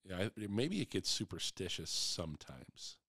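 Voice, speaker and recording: Man, forties, deep voice, unhurried reflective casual chat, candid and rambling. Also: big pitch swings, pushed and bright, no room sound, studio quality.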